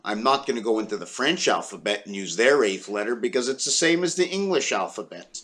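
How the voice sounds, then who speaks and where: A video creator from Quebec with a lowish, husky, slightly bright voice talks fairly quickly and animatedly. He rambles through number patterns for a small online audience, musing as he goes and often counting out loud.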